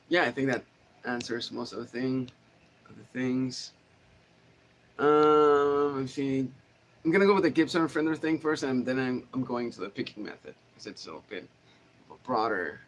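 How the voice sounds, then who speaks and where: In a livestream, a guitar teacher answers viewers' questions casually, rambling and restarting with plenty of fillers. His nasal voice is medium-pitched with a fairly bright tone. He's sweaty in his small, unairconditioned home studio, where a fan runs faintly behind the camera microphone's audio.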